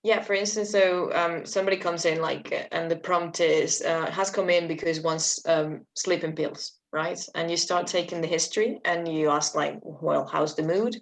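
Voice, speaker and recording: A woman's voice: lowish voice, fairly even intonation, moderate pace, few pauses, rough recording. A woman student asking her tutor a question in class, hesitant with frequent fillers.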